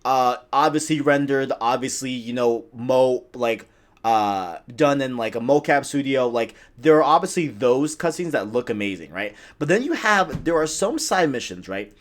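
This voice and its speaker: Man, gaming podcast co-host, casual chat, animated, many fillers, mid pitch. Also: normal speed. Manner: animated, talks in long runs with many "like" and "right?".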